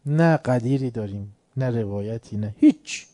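A man giving a religious lecture, quoting Arabic phrases and explaining them, moving between quiet asides and loud emphatic declarations. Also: medium pitch, expressive. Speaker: preacher.

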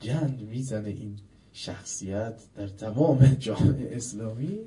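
Preaching man, heard from a distance. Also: on the low side. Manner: rhetorical questions to listeners, swings between loud emphasis and quiet asides. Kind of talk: religious sermon.

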